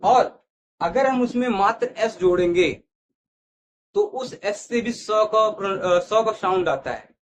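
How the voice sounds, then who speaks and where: A man teaches an English grammar lesson in a slightly high voice. He repeats each word list aloud and keeps checking that his students follow. His voice sometimes drifts as he moves away from the mic toward the board. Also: expressive, slow pace. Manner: repetitive, checks understanding with "theek hai". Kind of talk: classroom lesson explaining to students.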